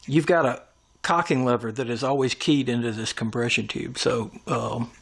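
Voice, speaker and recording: With a mid-range voice, fairly even intonation and some vocal fry, a man talks at a moderate pace through a workshop tutorial. He's an airgun tuner showing machining work, narrating every step as he uses his tools.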